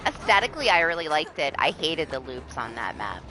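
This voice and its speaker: A woman's voice: sits low, big pitch swings, fairly quick, music in the background. A young woman live streaming a game, chatting casually, laughing often and swearing freely. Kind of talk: casual gameplay commentary. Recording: background noise.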